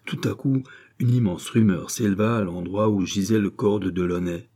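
Man, audiobook narration, measured dramatic reading, dark husky voice. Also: lowish voice. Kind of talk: scripted narration of a classic novel.

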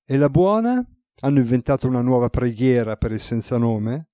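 Guy doing a cheeky buddy who teases, mellow voice, dry sound. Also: mid-range voice, very animated, normal speed, dry recording, close to an everyday voice. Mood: teasing. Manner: teasing, laughing. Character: joking male friend, cheeky.

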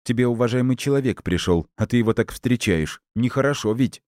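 A man's voice: mid-range voice, lively intonation, brisk, darkish tone, no room sound, clean studio sound, voice pushed up, natural voice. A man voicing a nervous, placating middle-aged man who talks in a tense, conciliatory way.

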